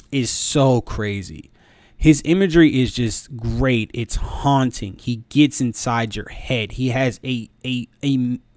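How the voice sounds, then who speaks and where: A man in his thirties talks through a casual review. His voice sits at an average male pitch, and he stumbles over and repeats words. He is recorded close and dry, with very little echo. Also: a little mellow. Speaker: video commentator. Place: small room at home. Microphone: close desk microphone, headphones on.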